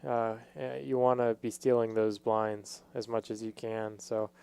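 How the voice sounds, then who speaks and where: A man commentates a poker game casually, in a relaxed, warm tone. His voice is smooth and clear, and he pauses and hesitates as he thinks each hand through. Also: lowish voice.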